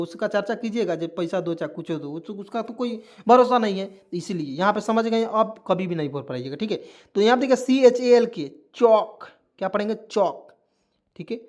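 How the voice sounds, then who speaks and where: A man with a Hindi-speaking Indian accent, a teacher giving a pronunciation lesson, repeating words and answering his own questions. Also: high-pitched. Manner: repetitive, drills words aloud, asks and answers own questions. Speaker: English teacher. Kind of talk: classroom lesson explaining pronunciation.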